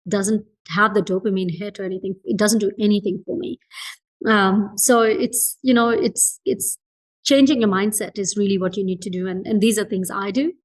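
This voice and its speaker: As an interview guest, a woman from Fiji who runs her own business talks in a reflective, conversational style. Her mid-range voice stays fairly even at a normal pace, and she leans on repeated phrases to sound earnest and emphatic.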